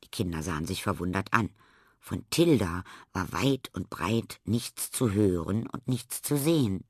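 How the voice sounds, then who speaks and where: A man narrating a children's storybook in a lively, expressive way. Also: deep voice, unhurried, breathy edge, no echo, studio quality.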